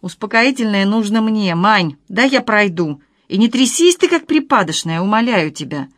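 An audiobook reader voicing a brusque chain-smoking woman who speaks bluntly and loudly. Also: medium pitch, normal speed, gravelly, no room sound, clean studio sound. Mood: bossy. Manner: blunt, loud and bossy.

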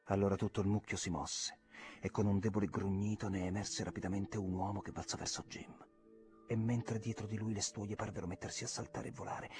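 A man reading a classic novel aloud, with a measured and expressive delivery. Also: on the low side. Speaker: reader. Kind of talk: audiobook narration.

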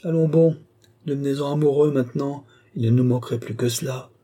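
A man voicing a sharp, impatient young noble lady in an audiobook. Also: medium pitch, husky, lightly acted. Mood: tart. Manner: tart, quick-tempered.

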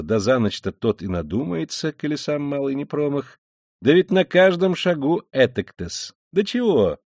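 Guy doing a cunning fussy investigator, fawning and sly, climbs high when he fusses, dry read. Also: darkish tone, no echo. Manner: ingratiating, sly, with old-fashioned deferential endings. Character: fussy cunning middle-aged male investigator.

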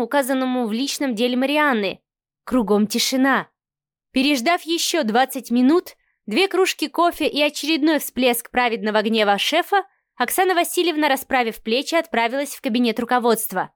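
Female audiobook narrator, lively storyteller, higher voice, dry booth sound. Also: no echo.

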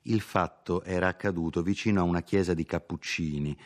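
Man, very low voice, audiobook narration, measured expressive storytelling. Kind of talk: literary audiobook reading.

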